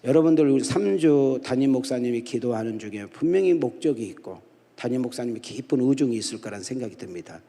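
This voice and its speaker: A man's voice: medium pitch, lively intonation, fast talker, creaky, mellow. A middle-aged man preaching a sermon as a guest pastor. He tells funny stories and keeps quizzing the congregation with call-and-response questions. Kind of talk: humorous storytelling sermon. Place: large church sanctuary at a dawn prayer service. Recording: echoey church hall reverb.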